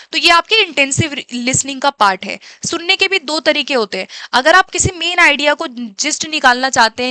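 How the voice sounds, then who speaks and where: A woman teacher giving an exam-prep lesson, who asks questions and answers them herself and reads English questions out slowly. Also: high voice, bright, forceful tone, no echo. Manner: switches between Hindi and English terms, reads English questions slowly.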